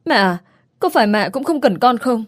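A woman's voice: a little high, lively intonation, normal speed, voice pushed up. A woman voicing a frightened little girl who sounds hurt and pleading. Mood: tearful pleading. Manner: pleading and plaintive.

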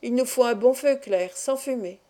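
A woman reading an audiobook, voicing a practical village foster mother who gives brisk instructions. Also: fairly high pitch, mellow, natural voice.

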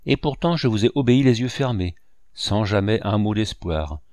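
A man's voice: on the low side, animated, normal speed, a little mellow, no room sound, studio quality, natural voice. A man reading the part of a cunning, deferential pirate cook who talks in a wheedling, man-to-man way. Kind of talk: audiobook dialogue reading.

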